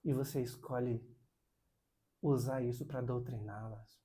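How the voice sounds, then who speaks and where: A man voicing a calm, wise older male monk who speaks slowly and softly. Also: mid-range voice, pitched below the performer's own voice, close to an everyday voice. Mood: earnest. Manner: slow, soft, measured speech.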